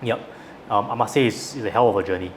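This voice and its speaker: Noisy background, Singaporean man, lowish voice, colloquial Singlish, rapid casual storytelling. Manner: colloquial Singlish with sentence-final particles. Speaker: guest, entrepreneur. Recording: clear background noise.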